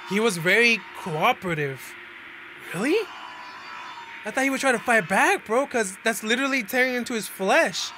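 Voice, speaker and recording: Casual reaction commentary comes from a man in his twenties in a small bedroom, who reads captions into a close desk mic while wearing headphones and adds slangy, exclamatory asides. His very high voice has lively intonation at normal speed, with background noise present.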